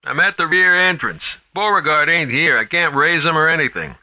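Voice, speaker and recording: Man acting bright, high-pitched flustered security guard. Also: expressive, normal speed, no echo. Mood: urgent. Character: gruff, flustered male night security guard on radio. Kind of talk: audiobook character acting.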